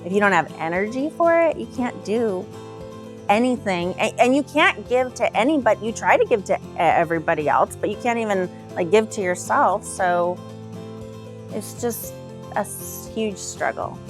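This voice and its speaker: A woman's voice: mid-range voice, expressive, moderate pace, soft background music. Emphatic woman in her forties. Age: 40s. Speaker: client giving a testimonial. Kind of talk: interview testimonial.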